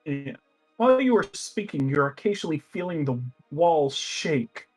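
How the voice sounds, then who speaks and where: A man narrating a tabletop fantasy game as game master, halting and restarting his phrases as he describes. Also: a little high, animated, darkish tone, soft background music, rough recording.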